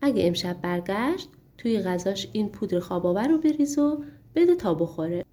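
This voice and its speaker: A woman's voice: mid-range voice, expressive, dark tone, natural voice. A woman voicing a young male hero in a storybook, pleading and determined. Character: young hero, desperate but determined man.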